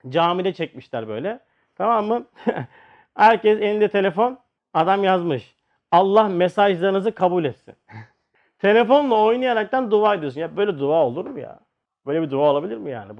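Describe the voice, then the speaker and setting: A man giving a lively religious talk, asking rhetorical questions and acting out everyday scenes. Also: high-pitched. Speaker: religious teacher. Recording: dull lo-fi recording.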